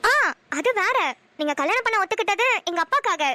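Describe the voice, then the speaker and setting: A woman's voice: extremely high pitch, lively intonation, brisk, sharp tone, dry recording, full character voice. A woman voicing a curious young newlywed wife in a cartoon who asks probing questions. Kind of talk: Tamil cartoon voice acting.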